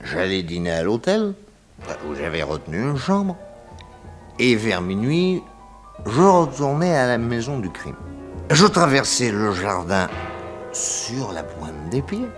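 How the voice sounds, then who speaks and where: In a 1960s French radio comedy serial, an actor plays a brash, excitable private detective who theatrically stumbles through the story of his case. Soft background music plays as he speaks slowly in a lowish voice, sounding boastful and explanatory.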